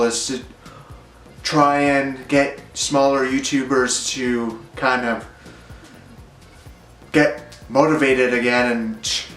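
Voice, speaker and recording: A man's voice: mid-range voice, fairly bright tone, roomy sound, poor audio. A young man rambling through a casual vlog monologue, hesitant and full of fillers. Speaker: YouTuber.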